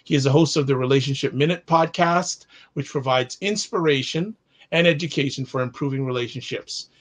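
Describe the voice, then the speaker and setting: A Canadian man hosts a live online talk show, reading a formal introduction of his guest before chatting loosely with him. He speaks briskly at a medium pitch.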